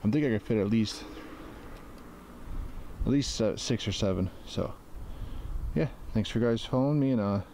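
A man in his thirties shows off an RV in a casual vlog, going from the interior to the roof outdoors. His fairly low, mellow voice moves at normal speed with frequent pauses, captured by a handheld camera mic with slight background noise, and he rambles loosely with many fillers.

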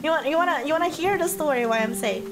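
A woman live streamer chatting casually over a game, giggly and excitable, swearing freely, with a voice hoarse from being sick. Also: high-pitched, fast talker. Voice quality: hoarse, husky from illness. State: sick, coughing. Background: game music.

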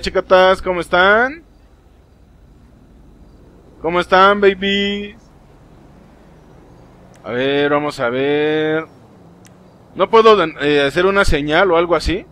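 A young man with a Mexican Spanish accent, giving live gameplay commentary, excitable and swearing often as he talks to game characters. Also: a little high. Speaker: gaming streamer.

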